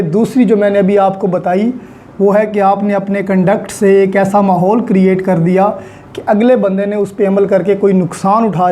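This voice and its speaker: In a mid-range, dark-toned voice, this Pakistani-accented lecturer explains law methodically, going step by step with examples. The lesson is in Urdu blended with English legal terminology.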